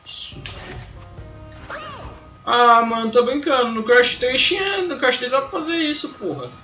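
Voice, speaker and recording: A man's voice: very high voice, animated, unhurried, pushed and bright, highs cut off. A young Brazilian man doing casual, slangy live game commentary, rambling and swearing freely. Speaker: gaming live streamer. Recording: roomy home stream with game music. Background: faint game music.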